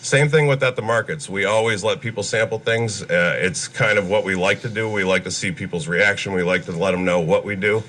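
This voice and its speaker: A cheerful man talks as a guest on a radio show, easy and chatty with a ready laugh. His voice sits on the low side and rings bright and forceful. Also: fairly even intonation, a little fast, few pauses. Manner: upbeat, chatty, laughs easily. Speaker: radio guest, popcorn shop owner. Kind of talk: casual radio interview.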